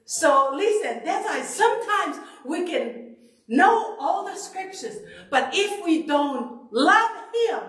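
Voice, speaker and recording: A middle-aged woman from Tonga preaching a sermon into a handheld mic in a church sanctuary, animated and emphatic, often repeating herself. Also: very high-pitched, takes it slowly. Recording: echoey hall, far from the camera.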